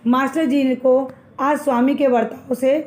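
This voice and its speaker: A woman's voice: sits high, level tone, a little slow, a little mellow. A woman teacher retelling a textbook story as a lesson, repeating phrases and explaining the meanings of words.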